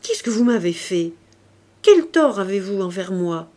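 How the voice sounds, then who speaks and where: A woman's voice: medium pitch, lively intonation, slow, gravelly. Woman reading an agitated, astonished town mayor. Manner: urgent, questioning outbursts.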